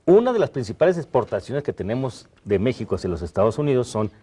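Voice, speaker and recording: A man's voice: mid-range voice, very animated, fast, mellow, breathy edge. A man answering an interview in a conversational, explanatory way.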